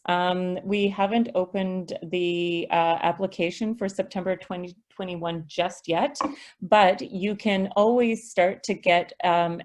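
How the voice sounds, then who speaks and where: In a fairly low, darkish voice, a woman representing a school district handles a webinar Q&A on an online video call. She reads the questions and replies patiently, explaining as she goes.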